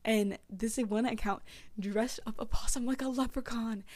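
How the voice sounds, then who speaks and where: A woman's voice: fairly high pitch, fairly even intonation, normal speed, darkish tone. A teenage girl chatting casually about a book she is reading, rambling and giggly, with lots of "like". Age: teens. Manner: rambling, giggly, heavy use of "like". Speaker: book vlogger.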